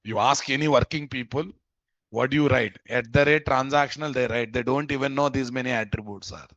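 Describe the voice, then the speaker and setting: This programming instructor speaks briskly with a mid-range, fairly bright voice and an Indian Telugu accent. During his informal live lesson he answers his own questions and repeats phrases to drive points home. It's a dry, close lo-fi recording that sounds dull and muffled.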